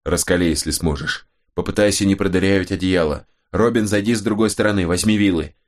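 A gruff, commanding male detective, as a man reads him in an audiobook. His voice is very deep and the orders come short and curt. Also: brisk, close to an everyday voice.

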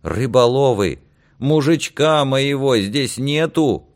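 Shrill scolding village wife read by a male narrator, loud and indignant, audiobook. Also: lively intonation, slow. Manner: shrill, complaining shouting.

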